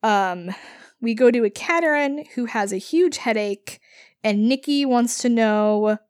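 A woman's voice: fairly high pitch, a little slow, a little mellow, clear, resonant tone, dry recording, studio quality. A woman co-hosting a podcast, recapping a book in a casual, rambling way full of fillers. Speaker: podcast co-host.

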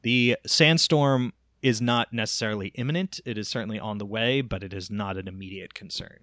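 A man narrating a tabletop game as game master, explaining rules with many pauses and restarts. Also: fairly low pitch, bright, forceful tone, dry recording, clean studio sound. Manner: rambling, many ums and restarts.

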